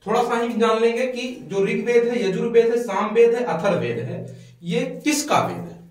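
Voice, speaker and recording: Male teacher, classroom lecture; animated, repeats key terms for note-taking; distant mic in a roomy, echoing room. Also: very high voice. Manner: asks questions and answers them himself; repeats key words slowly for students to note down. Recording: echoey room, mic far off.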